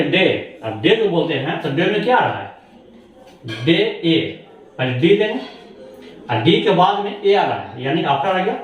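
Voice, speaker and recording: A male shorthand teacher giving a classroom lesson, explaining each step and asking questions he then answers himself. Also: high-pitched. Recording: very echoey room, voice far from mic.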